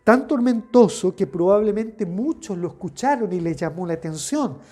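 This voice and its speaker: A woman's voice: medium pitch, expressive, moderate pace, warm tone. A woman giving a devotional sermon, explaining scripture step by step and asking the listener rhetorical questions. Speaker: preacher.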